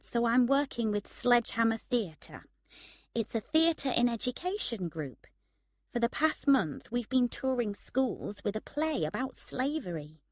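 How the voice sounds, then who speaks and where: A woman's voice: medium pitch, no echo, studio quality, voice pushed up. A woman reading the lines of a wry, self-mocking, idealistic young woman in a storybook reading.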